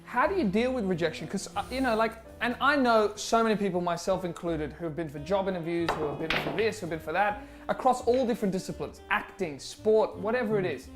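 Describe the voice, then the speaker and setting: A man's voice: sits high, quick pace, few pauses, music in the background. A man hosting a casual chat, asking earnest, probing questions in an indoor games room. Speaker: host.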